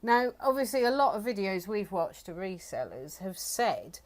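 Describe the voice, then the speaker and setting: A woman's voice: medium pitch, very animated, normal speed. A woman from the UK co-hosting a reselling channel, chatting casually with many fillers and reading bits from a report. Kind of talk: casual chat.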